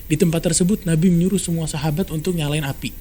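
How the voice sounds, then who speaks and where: A man telling a story in a casual podcast chat, brisk and animated, acting out quoted dialogue. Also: fairly high pitch, slight background noise. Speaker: storyteller guest.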